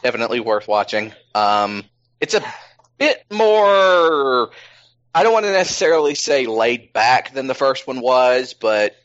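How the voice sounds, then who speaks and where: A man hosting a casual podcast chat, wandering from point to point with lots of ums and self-corrections. His voice sits at an ordinary middle pitch. The recording sounds a little dull and lo-fi. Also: very animated, unhurried, fairly bright tone. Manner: rambling, many ums and restarts.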